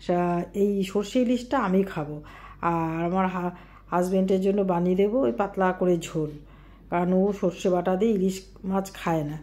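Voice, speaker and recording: A woman's voice: lowish voice, steady tone, fairly quick, mellow. A middle-aged woman, chatting casually to viewers in a home vlog. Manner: chatty, talks to viewers directly. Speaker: vlogger. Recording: roomy echo, faint ambient noise.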